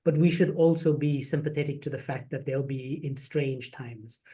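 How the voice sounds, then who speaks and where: A man's voice: medium pitch, moderate pace, mellow. Guy hosting a video call, friendly chatter, little jokes, repeats himself. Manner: chatty, jokey, repeats words. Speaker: program faculty host.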